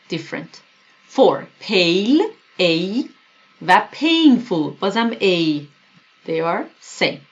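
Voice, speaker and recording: A woman whose first language is Persian, teaching English vocabulary. She reads English examples slowly and then explains them quickly. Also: mid-range voice. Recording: dull lo-fi recording.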